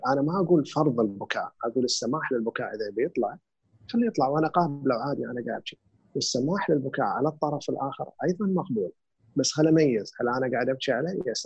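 A man with a Gulf Arabic accent talks through feelings and grief in a calm, explanatory way, dropping in English words. His voice is husky and his words come very fast. The sound is dry and close. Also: medium pitch, no echo, lo-fi sound. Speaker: guest speaker on grief and emotions. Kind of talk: reflective conversational explanation.

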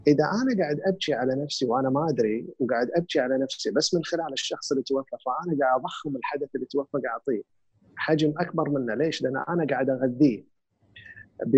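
A man with a Gulf Arabic accent calmly explains emotions and grief, mixing in English words. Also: mid-range voice, rapid-fire, breathy edge, no echo. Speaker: guest speaker on grief and emotions. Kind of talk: reflective conversational explanation.

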